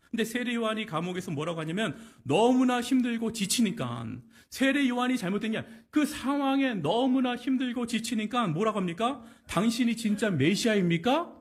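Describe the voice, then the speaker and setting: A man preaching a Sunday sermon with a high voice. His pitch swings widely as he acts out pleas and puts questions to the congregation. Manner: animated preaching, acting out quoted pleas and rhetorical questions to the congregation. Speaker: pastor. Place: church sanctuary.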